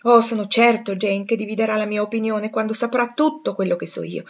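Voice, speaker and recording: Rochester-like: a proud, passionate gentleman, as a woman reads him in an audiobook, intense and pleading. Her mid-pitched voice keeps its own sound. The recording is dull and lo-fi. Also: fairly quick, natural voice. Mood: confiding. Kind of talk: audiobook reading.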